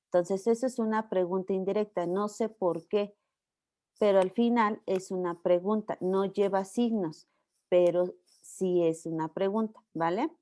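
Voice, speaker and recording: A woman's voice: mid-range voice, fairly even intonation, a little slow, warm tone. A Mexican woman teacher giving a university class, explaining step by step and checking that students follow. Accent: Mexican Spanish. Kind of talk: online class lecture.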